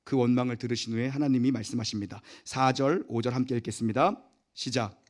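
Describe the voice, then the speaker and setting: A male pastor preaching a sermon in a church, animated, acting out voices and swinging from loud outbursts to quiet asides. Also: mid-range voice, fast. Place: church sanctuary.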